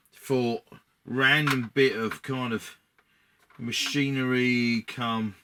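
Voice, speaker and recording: Casual hobby maker, male, Essex accent, bright edge to the voice, rambling build commentary over audible background noise. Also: mid-range voice. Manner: rambling, thinking aloud. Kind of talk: casual talk-through while building.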